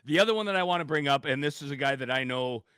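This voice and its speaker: A man's voice: on the high side, racing, a bit bright, smooth, no echo, clean studio sound. A man hosting a sports radio interview, effusive, upbeat and friendly with his guest. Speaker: radio host.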